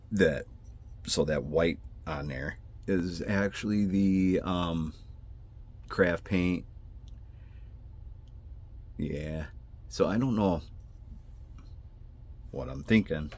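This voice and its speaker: A man with a son rambles through a hobby vlog about building scale models. His low, darkish, slightly rough voice is congested and nasal from sinus trouble, with a twang. He meanders, breaking off, apologizing and restarting his sentences.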